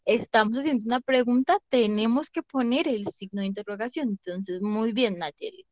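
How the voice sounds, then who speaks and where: A woman teacher leads an online class over a video call with a fairly high voice. Her sound is dry and close, with no room around it. She explains patiently and keeps checking that the class follows. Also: normal speed, dry recording. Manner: patient, checks understanding with frequent questions. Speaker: English teacher.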